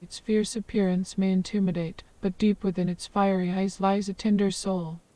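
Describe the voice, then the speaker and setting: A woman's voice: medium pitch, level tone, moderate pace, warm tone, dry recording, far from the mic, lightly acted. A synthetic woman's voice playing a wise old hermit woman of the forest who speaks in long, ornate, formal sentences. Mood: calm, flowery.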